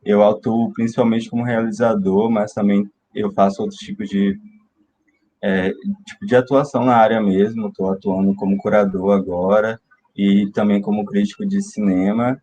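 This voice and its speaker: A young man from Salvador, a filmmaker and film student, introducing himself casually on an online panel, relaxed with filler words. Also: fairly low pitch, moderate pace, slight background noise, poor audio. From Salvador, Bahia, Brazil. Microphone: video call.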